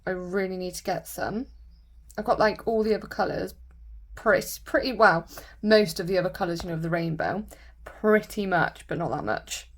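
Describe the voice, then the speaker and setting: A nail vlogger with a sore throat makes her voice croaky as she chats casually while painting her nails, rambling and using plenty of fillers. Her pitch is fairly low and her pace moderate.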